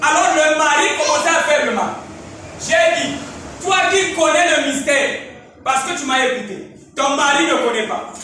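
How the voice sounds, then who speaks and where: A man preaches in a very high, bright and forceful voice, pressing his points with shouts and repeatedly asking his listeners if they follow. He sounds distant from the microphone in a strongly echoing room, with faint noise behind him. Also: normal speed. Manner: emphatic preaching, often shouting and checking in with listeners. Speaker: pastor. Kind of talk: sermon. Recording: echoey room, mic far off, faint noise.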